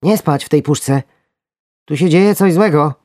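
A man voicing a small, nervous male worm in a storybook, with a squeaky, frantic voice. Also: unhurried, dark tone, lightly acted. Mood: alarmed. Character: shrill panicky little male worm, nervous alarmist.

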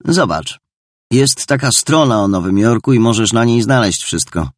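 A man reading an audiobook voices a calm, blunt teenage boy who speaks in a level, confident way. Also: mid-range voice, moderate pace, no room sound, studio quality, lightly acted.

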